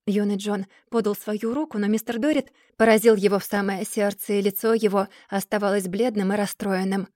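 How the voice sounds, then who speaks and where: A woman reading a classic novel aloud in a measured, expressive way. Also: mid-range voice, dry recording, clean studio sound. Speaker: audiobook reader.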